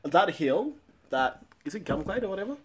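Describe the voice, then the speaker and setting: Young male co-host, slightly high and animated, giggly casual chat recorded inside a closet. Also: moderate pace, husky. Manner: giggly, laughs often while talking. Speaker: podcast co-host. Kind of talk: casual banter.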